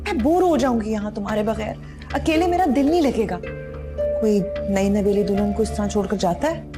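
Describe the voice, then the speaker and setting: An actress as a coquettish, gushing young bride. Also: female voice, medium pitch, animated, a little fast, lightly acted. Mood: coaxing. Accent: Pakistani Urdu. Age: young adult. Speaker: new bride. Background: background music.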